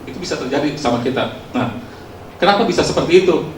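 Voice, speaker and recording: Speaking fast in a slightly high, animated voice, a man preaches to a youth congregation in a church hall. His sermon is loose and story-driven, full of fillers and self-deprecating chat. The audio is roomy, picked up by a distant mic, with faint noise.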